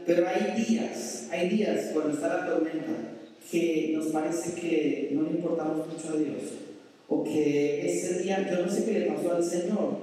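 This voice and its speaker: Mellow-voiced woman preaching in echoey hall. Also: on the low side, measured pace. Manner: storytelling, acts out pleading prayers. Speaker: pastor. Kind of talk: sermon. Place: church. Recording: echoey church hall, mic far off.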